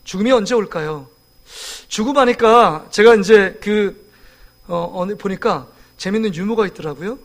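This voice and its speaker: Very high-voiced pastor in his forties. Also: normal speed. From South Korea. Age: 40s. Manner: lively, joking, asks the congregation questions. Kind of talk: sermon. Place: church sanctuary.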